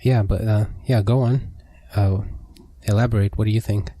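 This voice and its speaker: A man's voice: fairly low pitch, steady tone, moderate pace, mellow, dry recording. A man co-hosting a podcast, chatting in an easygoing way and prompting his partner to go on. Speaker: podcast co-host. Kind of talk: casual podcast chat.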